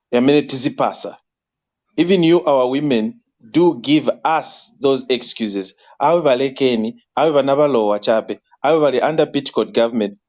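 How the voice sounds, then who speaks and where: A man's voice: medium pitch, a little mellow. A man co-hosting a talk show, airing opinions with rhetorical questions and mixing local words into English. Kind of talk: opinionated discussion. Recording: dull lo-fi sound.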